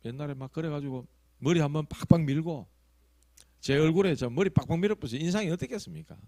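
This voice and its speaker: A male pastor with a Gyeongsang accent preaching a sermon, telling stories that swing from loud emphasis to hushed asides. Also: a little high, no echo. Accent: Gyeongsang Korean. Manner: acts out quoted prayers and tongues.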